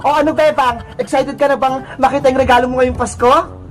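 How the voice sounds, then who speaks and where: A woman voicing a middle-aged mother in a comedy skit, fast and loud, scolding one moment and loving the next. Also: high-pitched, steady tone, pitched below the performer's own voice, lightly acted. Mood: affectionate. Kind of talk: comedy skit role-play. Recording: echoey room with music behind.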